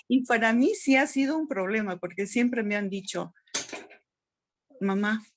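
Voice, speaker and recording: A middle-aged woman teacher speaking loudly and emphatically in a teacher training discussion. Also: a little high, takes it slowly. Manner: loud, emphatic speaker who calls her own voice strong.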